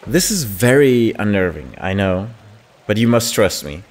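Grave, formal older guardian, read by a man, low-pitched. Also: very animated, measured pace. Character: solemn older male guardian, urgent and protective. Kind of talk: reading game dialogue aloud.

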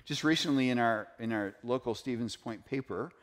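A man's voice: mid-range voice, moderate pace. Male pastor, earnest sermon delivery, quotes scripture. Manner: earnest preaching, quotes scripture, rises in emphasis. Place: church sanctuary.

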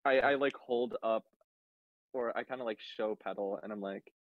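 A man's voice: fairly low pitch, moderate pace, dry recording. A man playing in a casual tabletop roleplay over an online voice call, speaking hesitantly with a lot of stammering. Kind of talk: casual improvised roleplay chat. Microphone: online group voice call. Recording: tinny, band-limited voice-chat audio.

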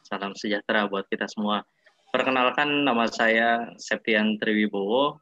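A man in his late twenties, a guest sysadmin, talking politely and relaxed in a casual interview. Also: on the low side, normal speed, no room sound. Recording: dull lo-fi dry mic.

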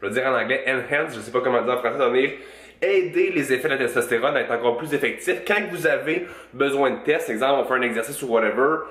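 A man with a Québécois accent from Quebec, a fitness coach chatting casually in a vlog, with relaxed slang and English words mixed in. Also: mid-range voice, fast talker. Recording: roomy echo.

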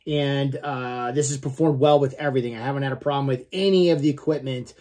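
A man's voice: mid-range voice, steady tone, quick pace, dark tone. A man in his forties giving a casual product review to camera, informal and a little salty, often checking in with "okay?". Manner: informal, mildly profane, frequent "okay?" check-ins. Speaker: gear reviewer. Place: small room at home, indoors.

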